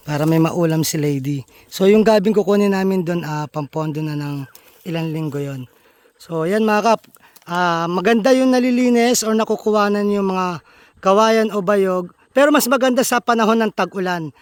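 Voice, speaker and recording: Brief: male vlogger, high-pitched, chatty and friendly, walking-tour explainer outdoors, dry close sound. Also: clean tone, no room sound. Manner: friendly, chatty, addresses viewers as buddies. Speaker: vlogger host. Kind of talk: casual outdoor vlog explanation. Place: outdoors in a bamboo grove.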